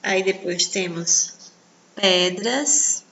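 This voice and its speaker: A Brazilian Portuguese woman teaching children in a recorded online lesson, slow and patient, pointing things out on the page. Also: mid-range voice, sharp tone, dull audio, a little hiss or hum. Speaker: primary school teacher.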